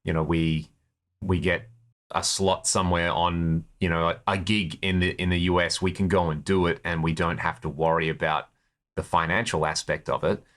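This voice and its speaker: Speaking at a moderate pace, this man has a low, slightly bright voice with little pitch movement. The Australian-accented guitarist from Perth, who tours with a band, is an interview guest recounting his own stories in easygoing conversation.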